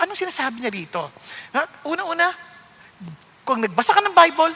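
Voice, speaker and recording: High, bright Filipino pastor preaching. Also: male voice, in a large hall. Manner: animated, swings between quiet reflection and loud rebuke; mixes Tagalog and English. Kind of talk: sermon.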